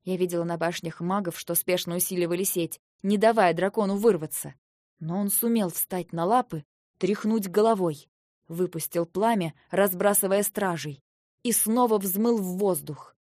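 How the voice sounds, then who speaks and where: Woman reading a fantasy audiobook, measured, dry close mic. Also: fairly low pitch, a little mellow, no room sound. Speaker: audiobook narrator. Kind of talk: first-person audiobook narration.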